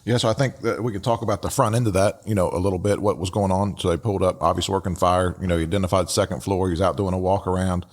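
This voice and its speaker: A man's voice: deep voice, steady tone, racing, few pauses. A man giving casual, explanatory commentary as a host and instructor. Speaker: host and instructor reviewing radio traffic.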